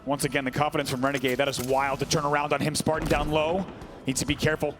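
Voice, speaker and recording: A man giving excited esports commentary as a caster, in emphatic, punchy phrases. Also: on the high side, fast talker, music in the background.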